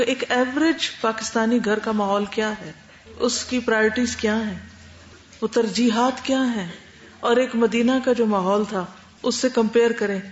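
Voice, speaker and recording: Woman teacher. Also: fairly high pitch. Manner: explanatory, mixes English words into Urdu. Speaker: Quran teacher. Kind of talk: classroom Q&A lecture. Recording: roomy, dull lo-fi classroom recording.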